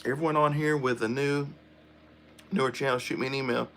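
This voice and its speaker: A middle-aged man hosts a relaxed livestream chat. He talks in a casual, rambling way and answers viewer comments aloud as they come in. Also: medium pitch, brisk, slight background noise. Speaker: livestream host.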